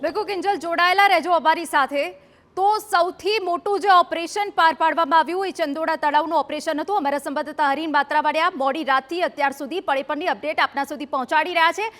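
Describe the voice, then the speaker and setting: A woman anchoring a news broadcast, handing over to reporters with brisk, crisp questions. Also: very high voice, a bit bright.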